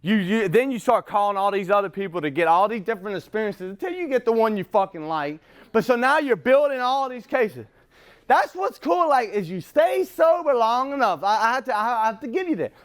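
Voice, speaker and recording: A man with a high-pitched voice gives a raw, unscripted share at a recovery meeting. He swears freely and talks emphatically. He rambles, restarts and repeats himself, and breaks into laughter between his points. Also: very animated, brisk. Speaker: speaker sharing at a recovery meeting.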